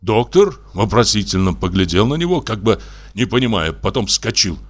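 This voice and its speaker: A man narrating a classic story as an audiobook, with expressive, varied intonation. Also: on the low side, normal speed, soft background music.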